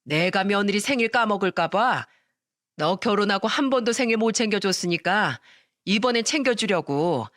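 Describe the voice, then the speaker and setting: A woman doing a shrill, greedy mother-in-law. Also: lively intonation, a bit bright, dry recording, studio quality, close to an everyday voice. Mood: scheming. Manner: shrill, demanding, drawn-out.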